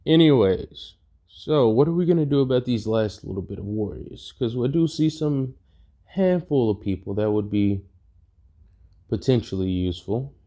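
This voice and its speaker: A man voicing a smug, cruel male alien tyrant who draws out his threats slowly. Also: medium pitch, expressive, warm tone, natural voice. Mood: condescending. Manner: slow, drawn-out threats.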